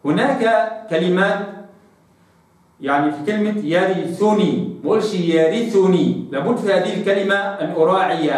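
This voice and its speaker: A man teaches Quran recitation. He repeats sounds and stretches words out slowly so learners can hear them. His voice sits a little high and comes from some distance in a very echoey room. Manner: slow drawn-out demonstration of words. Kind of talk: tajweed lesson with demonstrations. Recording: very echoey, off-mic.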